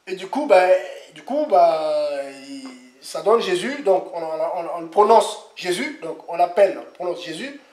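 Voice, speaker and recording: A man giving an informal, rambling sermon, repeating himself with animated asides. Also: high voice, measured pace, reverberant. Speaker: preacher.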